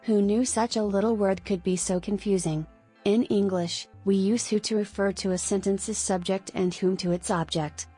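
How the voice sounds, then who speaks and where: A woman giving a scripted explainer on tricky words, clear and lightly playful. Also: mid-range voice, steady tone, moderate pace, mellow. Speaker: narrator. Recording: faint background music.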